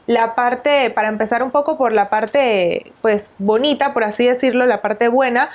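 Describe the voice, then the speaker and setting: A woman in her thirties from Venezuela, a nutritionist guest in an interview, calmly recounting her life in many countries. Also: fairly high pitch, normal speed. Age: 30s. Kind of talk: interview storytelling.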